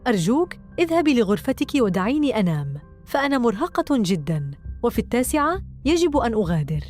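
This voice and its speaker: A woman's voice: a little high, sing-song, fast talker, a little mellow, faint music behind. A woman voicing a secretive older sister, a young woman who answers curtly and dismissively. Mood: cold. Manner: curt, dismissive.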